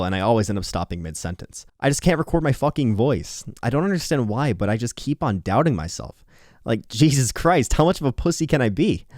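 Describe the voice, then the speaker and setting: A tired young YouTuber records a casual late-night ramble, candid and occasionally swearing or laughing, with a slightly nasal voice. It's a lowish, somewhat mellow voice captured close with earphones on, in clean studio sound without echo.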